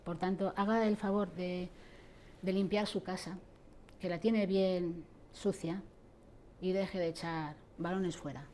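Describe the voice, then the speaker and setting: Lady in an interview, fired up and indignant, warm low voice, faint noise behind. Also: fairly even intonation, a little slow. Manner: impassioned, indignant, addresses church leaders directly. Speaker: interviewee, abuse survivor advocate. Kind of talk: interview answers.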